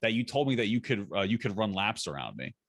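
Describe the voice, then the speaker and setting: A man's voice: fairly low pitch, sing-song, quick pace, a bit bright, no room sound, clean studio sound. A young man, a guest on a casual podcast, teasing a friend and telling workplace stories with stumbles. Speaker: guest, coworker of the host.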